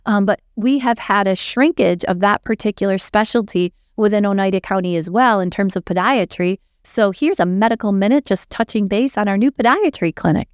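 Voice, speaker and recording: A woman's voice: mid-range voice, fairly quick, few pauses, smooth. A woman hosting a hospital's internal video show, giving an upbeat, enthusiastic update with frequent fillers. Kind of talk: casual organizational update.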